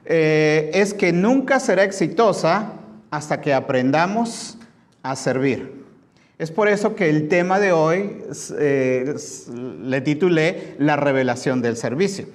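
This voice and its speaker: A middle-aged man from Mexico preaching a sermon, asking the congregation questions, repeating key points for emphasis and slowing down to read scripture. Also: fairly high pitch. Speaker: pastor.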